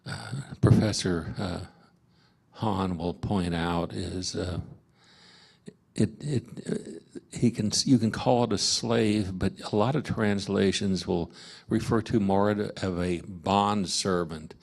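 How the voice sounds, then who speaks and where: A man leading a parish Bible study, explaining scripture in a halting way with many fillers and restarts. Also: deep voice, fairly even intonation, creaky. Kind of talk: informal Bible study teaching. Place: parish meeting room.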